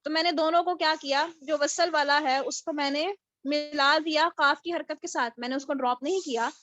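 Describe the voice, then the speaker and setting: Over a video call, a woman leads a live online recitation class, explaining each step and answering her own questions. Her voice sits high with a steady tone, and music plays in the background. The audio is dull and lo-fi.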